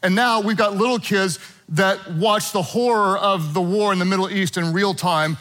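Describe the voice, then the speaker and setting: A middle-aged pastor preaches in a church auditorium, his voice high and bright. He tells family stories in an animated, playfully humorous way and talks straight to his congregation. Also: moderate pace, low-quality recording. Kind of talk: sermon to a live and online congregation.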